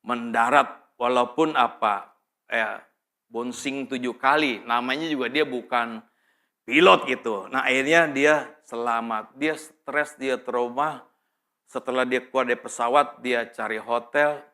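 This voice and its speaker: A man's voice: medium pitch, measured pace. A man preaching a sermon as a pastor, telling a story and asking his listeners questions as he goes. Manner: animated storyteller, asks the congregation questions.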